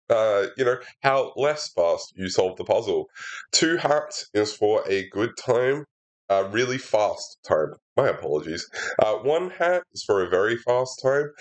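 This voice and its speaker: This relaxed sudoku walkthrough comes from a young puzzle setter and host whose sinuses are blocked. Speaking slightly low into his laptop's built-in mic at an indoor desk, he chats through each step aloud, peppering it with "uh" and "um."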